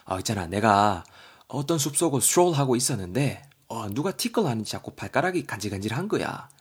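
Man as an excitable young storyteller, husky, lively pitch. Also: fairly quick. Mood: excited. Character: young man telling a strange dream.

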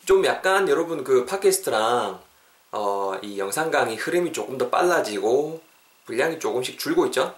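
A man teaching English phrases in a podcast lesson, chatting and encouraging listeners, slowing down to drill each phrase. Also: mid-range voice, animated. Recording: roomy echo.

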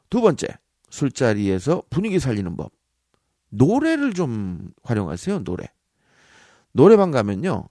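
A man who is a professor and speech coach gives a lively, teasing talk full of rhetorical questions and puns. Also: mid-range voice, gravelly, no echo, clean studio sound. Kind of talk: lively talk-show lecture.

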